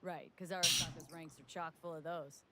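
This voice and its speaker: Dry, sarcastic female merc, played by a woman, lowish voice, game audio over noisy background. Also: steady tone, a little fast, natural voice. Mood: wry. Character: sarcastic tough female mercenary.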